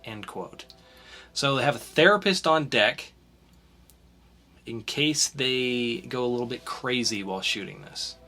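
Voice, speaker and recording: This young podcast co-host has a bright, forward voice at a medium pitch, with faint music playing behind him. He riffs on the week's news in a chatty way, dropping fillers and restarting sentences, and races ahead when a story gets him excited.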